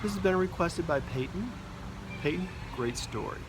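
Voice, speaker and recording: Reading a children's storybook to young listeners, this school principal speaks at a normal speed in a slightly high voice with lively intonation. The informal reading takes place in a backyard, and the recording picks up loud outdoor ambience and passing vehicles.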